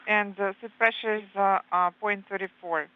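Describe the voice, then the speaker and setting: A woman's voice: mid-range voice, fairly even intonation. Woman interpreting over a tinny space radio link. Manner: procedural space-communicator delivery in short, halting phrases. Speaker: simultaneous interpreter.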